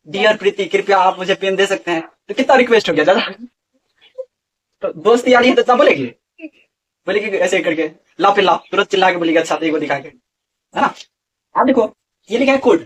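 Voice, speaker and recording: A man's voice: high voice, distant mic. Male teacher quizzing a class. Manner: asks the class questions and repeats the answers. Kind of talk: classroom grammar lesson.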